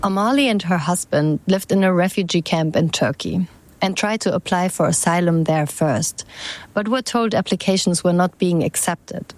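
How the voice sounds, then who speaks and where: A woman reporter giving scripted news narration in a measured, even way. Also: lowish voice.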